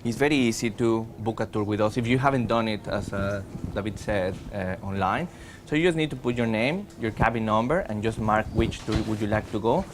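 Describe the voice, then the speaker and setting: A man with a Mexican accent, a native Spanish speaker, explaining procedures in a halting, methodical announcement. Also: fairly low pitch. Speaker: shore excursions presenter. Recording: clear background noise.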